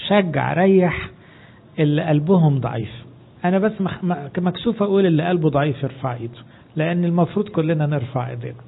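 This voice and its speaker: A man preaches with an Egyptian Arabic accent, his voice fairly high and a little husky. He teaches as he goes and slips English phrases into his Arabic. The sound is thin and tinny, as if heard over a phone line. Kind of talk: sermon.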